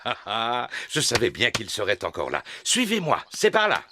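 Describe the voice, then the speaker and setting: A man's voice: mid-range voice, huge pitch swings, moderate pace, very noisy. A man voicing a cheerful, overconfident pig father in a children's cartoon, jovial and self-assured. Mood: jovial, confident.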